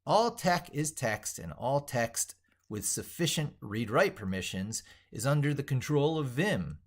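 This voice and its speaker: A tech educator and presenter with a medium-pitched, sing-song voice speaks at a measured pace. He delivers an opinionated tech monologue emphatically and declaratively, reworking and repeating phrases as he drafts them aloud.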